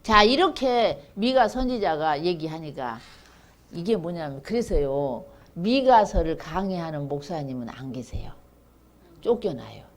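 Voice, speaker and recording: A woman's voice: deep voice, animated, unhurried. A middle-aged woman giving a seminary bible lecture, chatting with students and reading scripture aloud with emphasis.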